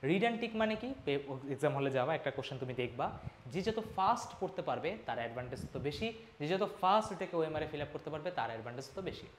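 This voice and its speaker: A young man teaching an admissions class talks fast and emphatically, urging students along in an energetic pep talk. His voice sits fairly high. The room is echoey, with a faint ambient hum behind him. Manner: fast, emphatic, switches between formal and informal address.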